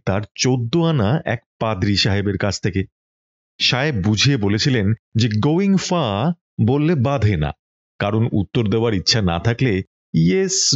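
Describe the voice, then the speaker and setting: A man reading a book aloud as an audiobook, in a measured, expressive storytelling manner. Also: fairly low pitch, lo-fi sound.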